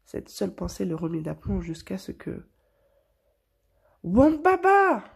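A woman reading a picture book aloud to children in a soft, hushed storytelling voice. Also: lowish voice, fairly even intonation, normal speed, creaky, breathy edge.

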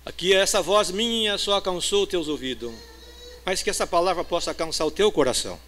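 An older Brazilian man, a pastor preaching a sermon in a church, moving between hushed storytelling and loud, emphatic preaching. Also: high voice, brisk, a little hiss or hum. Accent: Brazilian Portuguese.

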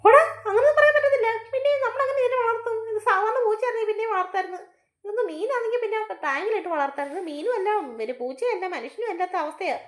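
Very high-voiced, rapid woman. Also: lively intonation. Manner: exclaiming, fretful, scolding. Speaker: mother in a family skit. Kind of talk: family comedy skit acting.

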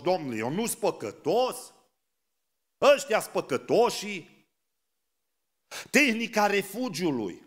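A man from Romania preaching a sermon in a church, animated, acting out the people he quotes. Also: a little high. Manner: animated, acts out quoted voices.

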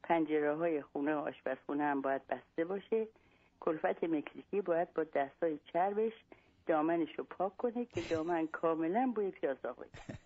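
Over a thin, dry phone line with no echo or room around her, a low-pitched woman plays a confident, long-winded Iranian male psychologist. Staying close to her own everyday voice, she lectures at length in an instructive tone and lays out odd instructions step by step.

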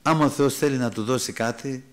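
Ένας μεσήλικας άνδρας ιεροκήρυκας που κηρύττει με οικείο, κουβεντιαστό τόνο, εξηγεί τη Γραφή και απευθύνεται στους ακροατές ως «αδερφοί». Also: male voice, mid-range voice. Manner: conversational preaching, addresses listeners as brothers, reads and explains scripture. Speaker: preacher. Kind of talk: sermon. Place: church hall.

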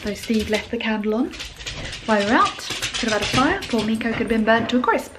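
A woman's voice: fairly high pitch, expressive, fast. A young woman, chatting cheerfully to camera in a casual vlog. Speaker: vlogger. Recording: home video with clear background noise.

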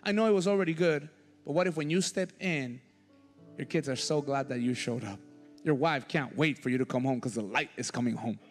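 A man preaching a sermon as pastor, passionate, swinging between loud bursts and hushed lines. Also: medium pitch, a little fast. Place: church sanctuary. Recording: church hall reverb with soft music behind.

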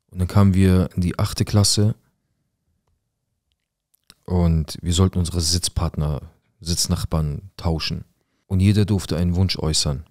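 A man's voice: sits low, a little mellow, no echo, studio quality. A man narrating a viewer's life story in the first person, in a casual, colloquial way that speaks straight to his viewers.

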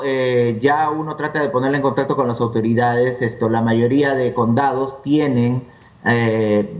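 A man's voice: medium pitch, dull audio. Distant, echoey man explaining. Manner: explanatory, lays out points one by one. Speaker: immigration lawyer, interview guest. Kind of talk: conversational interview.

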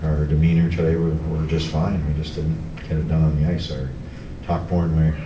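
A middle-aged man, a hockey coach, answering reporters at a post-game press conference, halting with many restarts and fillers. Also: rumbling low, level tone. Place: press room in front of a team backdrop. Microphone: table mic on a stand, heard from a camera farther off. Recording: echoey room, distant camera, background noise.

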